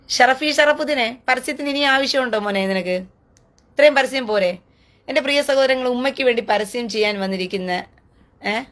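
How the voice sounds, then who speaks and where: Woman in a taunting, mocking rant. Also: a little high. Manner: taunting, mocking sing-song, drawn-out repeated jeers. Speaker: online political commentator.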